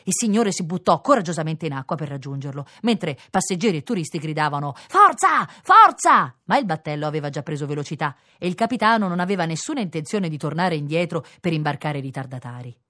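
A woman reading a children's fairy tale for radio, with playful, expressive narration. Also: deep voice, fast talker, few pauses, no room sound, clean studio sound. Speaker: reader.

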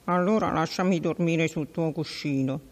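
A woman voicing a sad, gentle male frog who pleads in a soft, croaking, drawn-out voice, in a reverberant room. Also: sits low, close to an everyday voice. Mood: plaintive.

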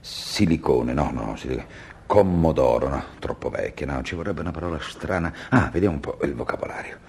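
A man playing an exasperated husband who stammers, fakes calm and breaks into high shouts. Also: brisk, slight background noise. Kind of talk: comic radio sketch acting.

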